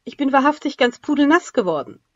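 A woman voicing a retired old church cantor, speaking high, loud and prim in a dull lo-fi recording. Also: big pitch swings, brisk. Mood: indignant.

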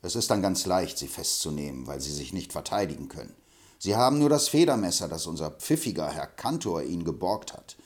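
Man voicing a stern calm frontier hero, commanding, expressive, audiobook. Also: low-pitched, fairly quick. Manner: firm and commanding. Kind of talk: audiobook reading.

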